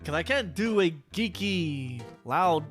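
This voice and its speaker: A man's voice: sits high, animated, slow, fairly bright tone, faint music behind. A man streaming a video game, reading its dialogue aloud and commenting casually.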